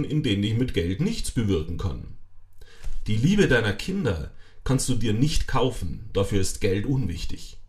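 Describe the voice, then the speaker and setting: A man narrating a self-help audiobook in a scripted, emphatic way, speaking straight to the listener and dropping wry asides. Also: medium pitch. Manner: lively, strongly varied intonation.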